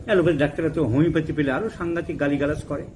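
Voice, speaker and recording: Man, middle-aged, emphatic lecturer, raised pitch, faint background noise. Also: racing, rough recording. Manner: emphatic, rising to high forceful stresses, mixing in English terms. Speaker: homeopathy lecturer. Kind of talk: lecture with anecdotes.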